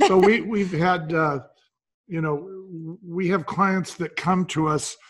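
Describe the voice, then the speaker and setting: An older man, a business advisor appearing as a podcast guest, explains things point by point in a conversational interview, tossing in colloquial asides. His voice is high, his intonation fairly even, and he speaks slowly.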